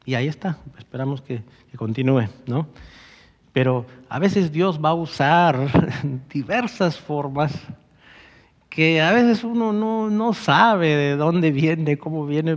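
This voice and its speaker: A male pastor delivers a sermon in a church sanctuary. His voice sits somewhat high, and his friendly storytelling builds into fervent emphasis. The sound is a bit dull and carries a long, echoing reverb. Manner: conversational storytelling with rising emphatic passages.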